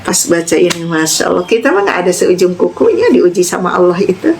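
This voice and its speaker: A woman religious teacher giving a weekly study lesson, telling personal stories in a chatty, animated way and laughing often. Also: on the low side, brisk.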